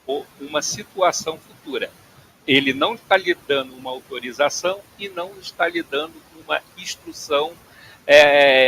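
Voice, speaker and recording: A man's voice: on the high side, creaky, bright, forceful tone, a little hiss or hum, rough recording. A man teaching an online aviation phraseology class, explaining patiently and checking in with his students. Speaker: flight phraseology instructor.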